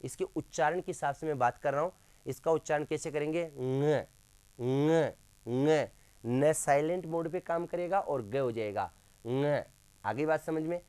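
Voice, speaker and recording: A male teacher leading a grammar lesson in a classroom. He keeps quizzing his students and slowly repeats sounds for them. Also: a little high, darkish tone, clear, resonant tone, no echo.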